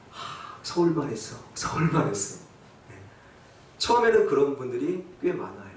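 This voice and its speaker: A man's voice: mid-range voice, slight background noise. A male pastor preaching a sermon, dramatic, asking rhetorical questions and acting out quotes in dialect. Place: church sanctuary. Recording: echoey church from a distant mic.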